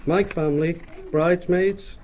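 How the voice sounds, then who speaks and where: A man's voice: on the high side, fairly even intonation, unhurried, darkish tone. A middle-aged man giving a rambling, jokey wedding speech as father of the bride, often repeating and restarting his phrases.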